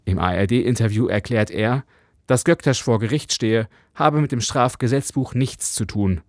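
A male foreign correspondent reading a radio news report in a clear, measured way. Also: medium pitch, a little mellow, dry recording, studio quality.

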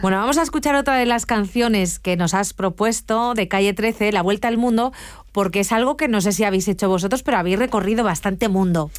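A woman hosts a radio interview in a smooth, resonant voice, recorded dry and close. She asks questions and affirms her guest, keeping the conversation moving. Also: mid-range voice, a little fast, no echo. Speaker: radio host.

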